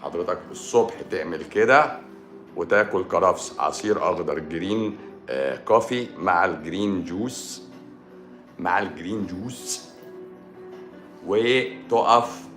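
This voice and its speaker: Speaking in a low, fairly bright voice, an Egyptian Arabic-accented man runs a live stream and answers his viewers' questions sarcastically and playfully. There's music in the background and a spacious echo to the recording.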